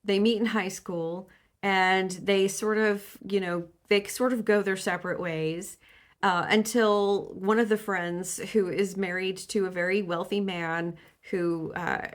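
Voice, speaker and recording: A woman's voice: medium pitch, steady tone, measured pace. A woman chatting casually about books she has been reading, with many fillers, restarts and frequent laughs. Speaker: book vlogger. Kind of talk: casual book chat.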